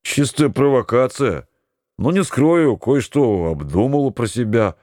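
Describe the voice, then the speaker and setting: A boisterous young sailor, as a male audiobook reader puts him on, loud and teasing with his crewmates. The voice sits high and jumps about eagerly, clean and dry with no room sound. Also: animated, takes it slowly, dry recording. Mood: grumbling. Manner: shouting, teasing, high-pitched. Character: excitable red-haired young sailor, loud joker.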